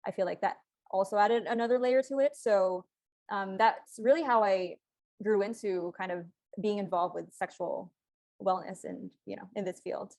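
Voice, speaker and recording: A woman's voice: mid-range voice, steady tone, normal speed, creaky, a little mellow, dry recording. A woman raised in the Philippines, a guest speaking in a reflective, hesitant way with many fillers in a casual interview. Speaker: guest, sexual wellness educator.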